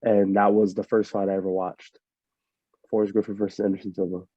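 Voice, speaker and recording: A young man from Miami, a fighter answering interview questions in a relaxed, rambling way full of fillers. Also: lowish voice, fairly quick, no echo. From Miami, USA. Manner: laid-back, rambling with many fillers. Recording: muffled lo-fi audio.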